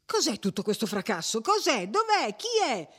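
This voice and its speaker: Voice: medium pitch, sing-song, fairly quick, breathy edge. A reader voicing a startled old male church sacristan who fires off alarmed questions and calls for help.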